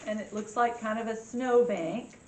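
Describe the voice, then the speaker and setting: A woman with a fairly high voice talks in an echoey room. She guides children through a craft in simple steps, like a cheery kids' host. Faint noise sits behind her. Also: normal speed. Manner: simple, instructional talk addressed to children. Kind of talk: step-by-step craft tutorial for children. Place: indoor room with echo.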